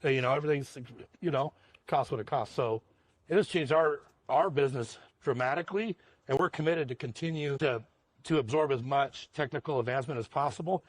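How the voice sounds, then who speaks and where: Speaking briskly at a medium pitch, a man who runs a roofing company in Washington state fields interview questions casually. He rambles, repeats himself and chuckles a lot, and the recording is dry.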